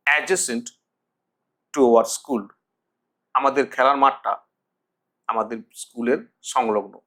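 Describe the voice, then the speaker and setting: Bright-voiced man teaching pronunciation. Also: mid-range voice, rough recording. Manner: slow deliberate repetition of words. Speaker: English teacher. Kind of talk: pronunciation lesson.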